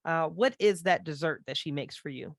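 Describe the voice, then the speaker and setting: A woman's voice: sits low, normal speed, no echo, clean studio sound. A woman running a tabletop horror game, narrating scenes casually and with frequent fillers. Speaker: game master.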